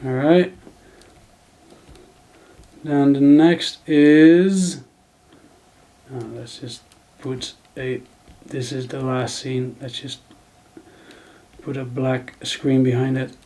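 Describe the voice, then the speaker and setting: With long pauses and a very slow pace, a mellow, medium-pitched Dutch man in his thirties narrates a screen-recorded video editing tutorial in fairly even intonation. As the tutor, he muses through the edit aloud, often using fillers and starting sentences over.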